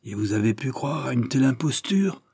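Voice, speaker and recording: A man voicing a defiant young male hero in an audiobook, loud and scornful as he rallies townsfolk. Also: medium pitch, lively intonation, fairly quick, husky, dry recording, studio quality, voice pushed up.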